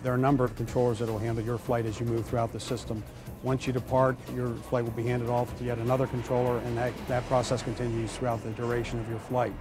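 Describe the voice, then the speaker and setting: Being interviewed as an air traffic expert, a man answers with explanations in formal, technical language. His mid-range voice comes out fast and flat, with music playing in the background.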